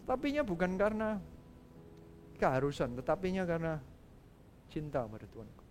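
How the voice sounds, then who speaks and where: A male pastor telling a story in a sermon, lively and casual, acting out quoted lines and dropping in English phrases. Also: fairly high pitch, brisk.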